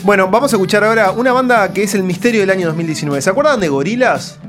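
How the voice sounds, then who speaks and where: A man's voice: high-pitched, racing. A man in his thirties with a Rioplatense Spanish accent, hosting a casual radio music show with a playful, ironic manner. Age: 30s. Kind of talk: casual radio panel chat. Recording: music playing underneath.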